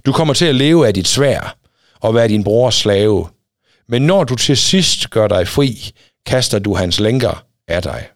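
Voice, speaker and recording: A man reading aloud, voicing the old father Isaac in a slow, solemn way. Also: on the low side, lively intonation, no echo, studio quality. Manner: slow and solemn when blessing.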